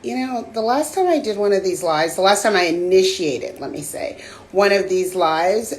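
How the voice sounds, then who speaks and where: A woman hosting a casual livestream chat, her raspy voice slightly hoarse from a cold, talking in a relaxed, chatty way with frequent fillers into a phone. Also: mid-range voice, normal speed. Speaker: host. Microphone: phone on a live stream.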